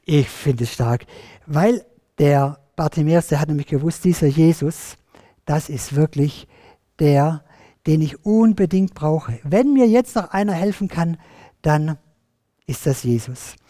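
A storyteller telling a Bible story to children, lively and addressing the listeners directly. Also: mid-range voice, a little slow, no echo, studio quality. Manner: animated, addresses listeners directly, many restarts.

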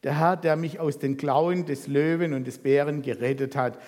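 Preacher in a reverberant hall. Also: male voice, fairly high pitch, normal speed. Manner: lively storytelling, asks the congregation questions. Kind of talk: sermon reading and retelling scripture.

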